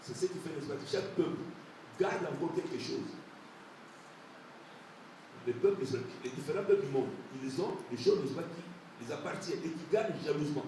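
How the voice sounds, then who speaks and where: A man from Africa making halting debate remarks at a conference, often adding tag questions as he talks. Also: fairly high pitch, lively intonation, dark tone. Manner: halting, frequent "n'est-ce pas" tags. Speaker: debate participant. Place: conference hall. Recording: echoey hall, distant mic, noisy.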